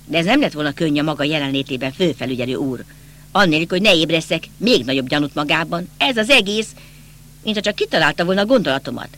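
A man's voice: a little high, animated, pushed and bright. A man voicing a bitter, agitated young nobleman in an audiobook, speaking insistently and accusingly. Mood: tense. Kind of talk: audiobook character reading.

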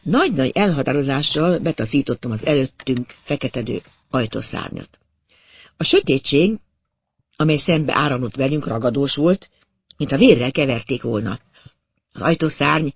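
A man's voice: mid-range voice, lively intonation, husky, dry recording, clean studio sound. A man narrating an audiobook in a wry, dryly humorous storytelling manner. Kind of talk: scripted narration.

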